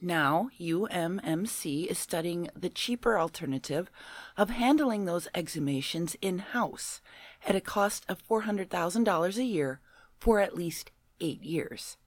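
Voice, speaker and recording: A woman's voice: fairly low pitch, lively intonation, a little slow, dry recording. A woman co-hosting a paranormal show, reading a news story aloud and chatting casually in between.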